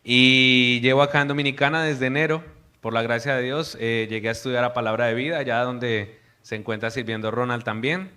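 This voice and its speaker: A man's voice: medium pitch, fairly even intonation, fairly quick, clear, resonant tone. A young man from Colombia, a missionary preaching an earnest sermon to a congregation. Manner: earnest, warm preaching with hushed prayer.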